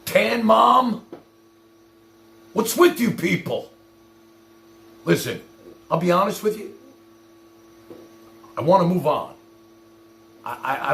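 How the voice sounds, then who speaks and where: A livestream host rants at his viewers in a gravelly, high-pitched, fairly bright voice, with a little hiss or hum in the recording. Exasperated, profane and confrontational, he addresses them directly and fires off repeated rhetorical questions.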